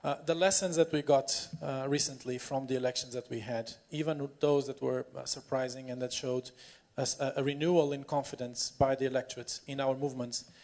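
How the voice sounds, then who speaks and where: A man speaks at a medium pitch as a political panellist. His delivery is semi-improvised, with repeated words and halting phrases that land on emphatic points. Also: fairly even intonation, a little mellow. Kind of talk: semi-improvised conference speech.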